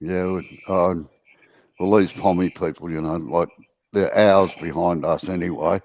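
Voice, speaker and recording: An Australian man hosts a woodturning livestream, chatting casually with viewers and his co-host in a laid-back drawl while sounding breathless. His voice is low and darkish, with fairly even intonation and a measured pace. The recording sounds muffled.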